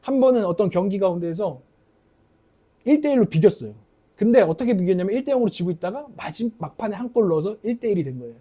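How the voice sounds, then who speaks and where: A man preaching a sermon as a pastor, telling a story in an animated way. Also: high voice, fast.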